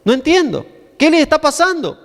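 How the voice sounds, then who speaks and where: Male preacher doing a frantic, baffled king, pitched high, echoing through a big hall. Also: sing-song, normal speed, fairly bright tone, full character voice. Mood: bewildered. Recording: long reverb in a conference hall.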